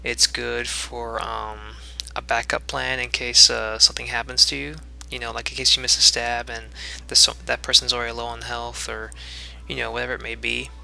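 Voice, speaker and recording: A young man gives casual commentary on his own gameplay video, rambling with plenty of fillers and restarts and sounding slightly out of breath. His medium-pitched voice is pushed and bright, with vocal fry.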